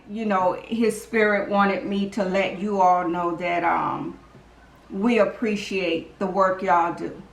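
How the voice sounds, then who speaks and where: A woman's voice: mid-range voice, fairly bright tone. A woman speaking earnestly and emotionally on a video call, often repeating herself as she gives thanks. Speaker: donor mother and speaker. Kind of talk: heartfelt testimony on a video call. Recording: echoey room.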